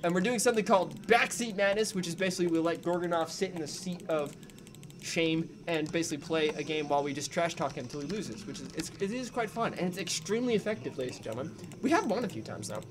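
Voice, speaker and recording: A young man with a slightly high voice talks fast against a noisy background, game music playing behind him. Co-hosting and casting for a gaming channel, he's chatty and excitable, cheering a player on during casual live-stream commentary.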